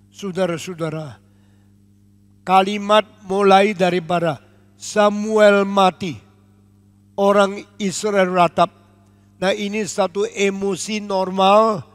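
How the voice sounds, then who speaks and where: Older male pastor preaching slowly in a hall. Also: high-pitched. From Indonesia. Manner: emphatic, slow, switches between Indonesian and English. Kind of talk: sermon. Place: large church auditorium. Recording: long echo of a large church hall.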